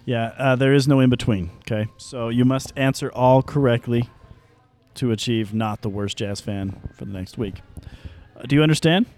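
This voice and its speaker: A man's voice: mid-range voice, moderate pace, darkish tone. A man hosting a casual sports podcast, talking loosely and joking, often tripping over his words. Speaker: podcast host.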